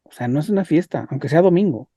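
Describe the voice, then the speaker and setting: A man teaching an online religion class, talking haltingly with repeated words and rhetorical questions. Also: a little high, animated, mellow, husky. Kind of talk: leading an online class discussion.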